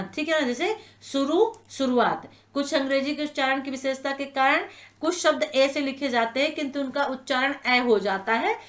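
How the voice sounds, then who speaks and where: Brief: female online tutor, bright higher voice, patient, repeats words and keeps checking "all right?". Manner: explanatory, repeats words slowly with frequent "ठीक है ना" check-ins. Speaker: online exam-prep tutor. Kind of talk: spoken exam-prep lecture.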